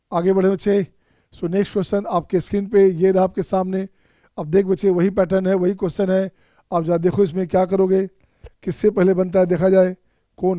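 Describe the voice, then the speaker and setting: A man with an Indian accent teaches math in an online lecture, coaxing his students with repeated questions. His voice is warm and dark, sitting fairly high but flat in melody. The sound is dry and close. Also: dry recording. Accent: Indian English. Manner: coaxing, repetitive, addresses students as children. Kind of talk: online exam-prep lecture.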